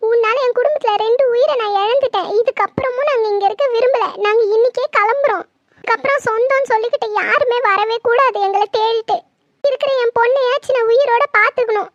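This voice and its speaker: A woman voicing a grieving, furious mother in a horror cartoon, shrill and scolding. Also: quick pace. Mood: bitter, scolding. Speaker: cartoon voice actor. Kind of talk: Tamil horror cartoon dub. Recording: dull dry lo-fi recording.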